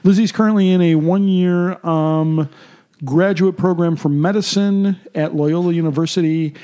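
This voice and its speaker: A man, chatting casually as a podcast co-host, relaxed and rambling with plenty of fillers. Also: high-pitched, normal speed. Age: 50s. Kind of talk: casual chat.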